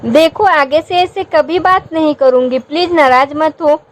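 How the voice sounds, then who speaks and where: Female narrator as an apologetic young wife, tender and pleading; high voice. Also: unhurried.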